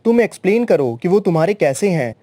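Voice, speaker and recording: A man voicing a quick-tempered young woman who argues and interrupts. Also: high-pitched, sing-song, dark tone, no echo. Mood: indignant. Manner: indignant, interrupting, argumentative.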